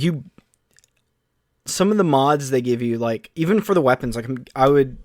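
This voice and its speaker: A man co-hosting a podcast, chatting casually and excitedly in long rambling runs full of fillers. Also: mid-range voice, no echo, studio quality. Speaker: podcast co-host. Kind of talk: casual chat.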